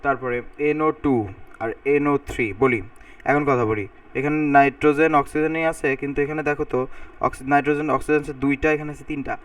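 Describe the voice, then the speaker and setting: A man's voice: on the high side, fairly even intonation, quick pace, fairly bright tone, dry recording. A man giving a recorded chemistry lecture. He thinks aloud as he writes, and he repeats word endings to drill how they are said. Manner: talks while writing on a board, thinking aloud, repeating sounds to drill pronunciation. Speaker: chemistry teacher. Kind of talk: recorded lecture explaining formulas. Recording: voice a bit far from the mic.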